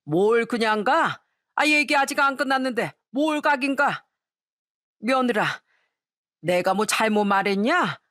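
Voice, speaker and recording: A woman's voice: a little high, expressive, a little slow, a bit bright, no room sound, clean studio sound. A woman voicing a drunk, blunt older father-in-law who rambles and scolds, in a storytelling radio style. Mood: tipsy grumbling.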